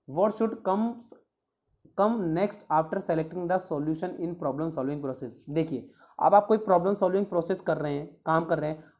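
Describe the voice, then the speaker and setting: Mellow-voiced man explaining exam answers. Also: sits high. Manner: reads English questions slowly, then explains in chatty Hindi with rhetorical questions. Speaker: teacher. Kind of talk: exam question walkthrough lesson.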